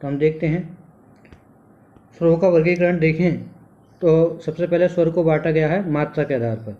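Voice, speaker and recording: A man's voice: on the high side, moderate pace. A male teacher giving a classroom lecture, asking the class questions and then answering them himself. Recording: dull lo-fi sound.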